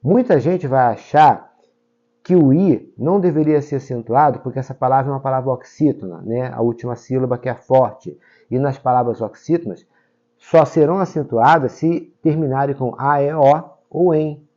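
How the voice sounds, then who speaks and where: Mellow-voiced Brazilian grammar teacher. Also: male voice, medium pitch, moderate pace, lo-fi sound. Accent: Brazilian Portuguese. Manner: explains step by step, checks in with "tá?" and "ok?". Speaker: Portuguese teacher. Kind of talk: exam-prep grammar lesson.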